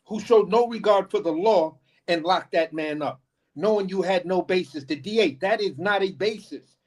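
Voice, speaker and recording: A man with a slightly higher pitched voice co-hosting a political talk show. He makes his points emphatically, repeating phrases and cursing for force. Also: moderate pace. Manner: emphatic, profane, repeats himself. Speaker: co-host. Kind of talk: casual political commentary.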